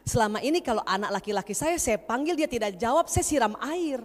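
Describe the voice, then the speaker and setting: An apologetic, emotional mother of six sons pours out her regret, as a woman retells her words. The voice sits a little high and pleads earnestly. The sound carries a long hall reverb. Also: expressive, fairly quick, slight background noise, lightly acted. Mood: earnest, remorseful.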